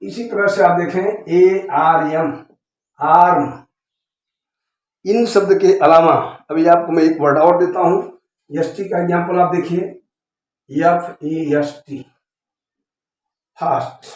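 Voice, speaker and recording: A man's voice: high-pitched, fairly even intonation, a little slow. A man teaching English pronunciation rules in a video lecture, repeating points and often checking that viewers follow. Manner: repetitive, checks understanding often. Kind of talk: classroom-style video lecture. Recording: very echoey room.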